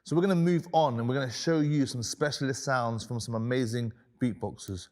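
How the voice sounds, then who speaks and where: A man's voice: mid-range voice, brisk, heavy background noise. A man teaching beatboxing in a loose, conversational way, often repeating words as he gathers his thoughts. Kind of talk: instructional talk.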